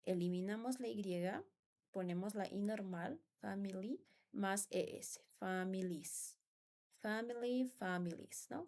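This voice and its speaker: Slow, gravelly-voiced teacher. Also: female voice, medium pitch, darkish tone. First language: Spanish. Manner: patient, repeats words and asks "¿no?" for agreement. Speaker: English teacher. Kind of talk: classroom explanation.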